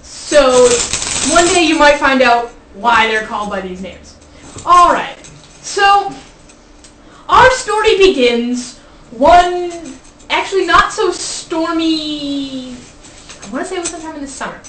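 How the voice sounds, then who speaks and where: A young woman with a high-pitched voice tells an informal funny anecdote. She rambles in a giggly way and often interrupts herself with asides. She is heard at a distance from the mic in a very echoey room. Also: lively intonation, takes it slowly, fairly bright tone, a little hiss or hum. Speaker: storyteller. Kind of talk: informal comic anecdote told to a live group.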